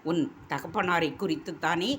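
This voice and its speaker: A woman reading the lines of an earnest, tender young prince, gentle and reassuring in a storybook. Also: lowish voice, big pitch swings, moderate pace, slight background noise.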